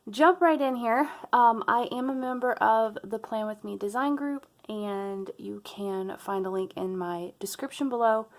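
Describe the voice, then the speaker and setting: A woman's voice: mid-range voice, darkish tone. A young adult woman vlogger, out of breath, chatting casually to her viewers and laughing between sentences. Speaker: planner vlogger. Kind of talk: casual chat to camera.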